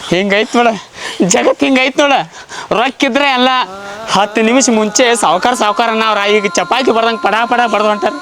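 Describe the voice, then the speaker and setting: A man's voice: very high voice, a little fast, a bit bright. An actor playing a young village man who has lost his money, sobbing and lamenting. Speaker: ruined gambler. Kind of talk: short film comedy acting.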